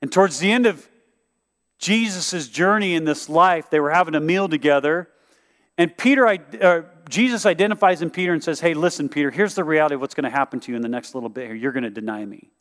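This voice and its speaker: Pastor, male, animated sermon storyteller, a touch high, reverberant hall. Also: quick pace. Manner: animated storytelling, acts out quotes.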